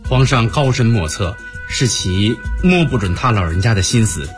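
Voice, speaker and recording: An actor playing a servile but vengeful court official in a radio drama, fawning and plotting. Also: male voice, lowish voice, expressive, moderate pace, music in the background, lightly acted. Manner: fawning to superiors, bitter and plotting.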